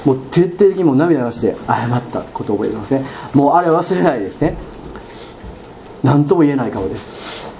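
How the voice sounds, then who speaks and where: A man with a Kansai accent preaching a sermon as a pastor, telling a story with animated sound words and questions to the congregation. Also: medium pitch, a little fast, gravelly. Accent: Kansai Japanese. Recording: dull lo-fi recording with faint room noise.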